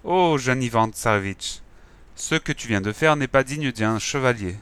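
A man voicing a stern, possessive old king in a storybook reading, speaking slowly and emphatically. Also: medium pitch, animated, fairly bright tone, smooth, no echo, lightly acted.

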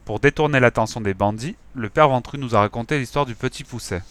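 A man reading a children's story aloud in a lively, expressive way. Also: medium pitch, fast. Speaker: audiobook narrator. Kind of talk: scripted children's story narration.

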